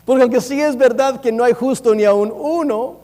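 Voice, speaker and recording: A high-pitched man preaches a sermon with animated humor, mocking showy preachers. His voice rings through a church sanctuary with a long, hanging reverb. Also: normal speed. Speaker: pastor.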